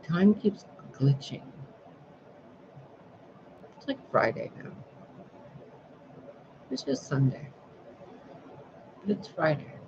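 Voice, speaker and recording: A man talking to camera in a casual vlog, rambling and swearing freely as he vents about his day. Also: fairly high pitch. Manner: rambling, profane, venting. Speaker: spiritual sign reader. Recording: dull lo-fi recording with clear background noise.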